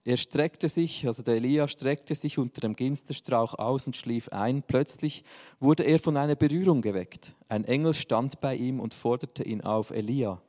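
A man's voice: mid-range voice, normal speed, darkish tone, in a large hall. A man, preaching a sermon in a casual, joking style. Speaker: pastor.

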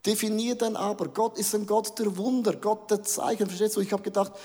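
A man's voice: high voice, little pitch movement, fairly quick, mellow. A middle-aged man preaching a sermon in a large hall. He preaches with animation and drops English words into his speech.

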